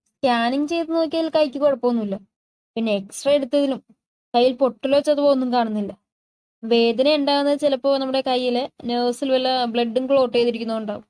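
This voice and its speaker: A woman voicing a calm hospital doctor who speaks in a measured, reassuring way. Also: high voice, no room sound, lightly acted.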